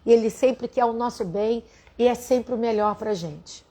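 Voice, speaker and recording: A woman's voice: on the high side, moderate pace, dark tone. A woman with a Brazilian Portuguese accent, a spiritual teacher telling a story earnestly and speaking straight to her listeners. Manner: earnest, addresses listeners directly. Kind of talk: storytelling to an audience.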